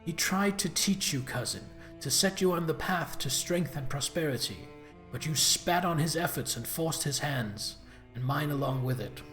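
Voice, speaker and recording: A man's voice: fairly high pitch, lively intonation, normal speed, a bit bright, faint music behind. A man voicing an arrogant, vengeful captured noblewoman from a video game, with a menacing, haughty cartoon-villain delivery. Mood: cold, bitter. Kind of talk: reading video game dialogue aloud.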